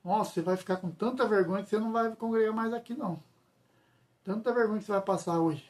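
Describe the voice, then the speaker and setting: A man's voice: fast talker, a little mellow, natural voice. A man putting on the scornful, mocking voice of a tempting demon that whispers shame at him. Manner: mocking, needling, higher-pitched. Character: taunting male demon voice, scornful.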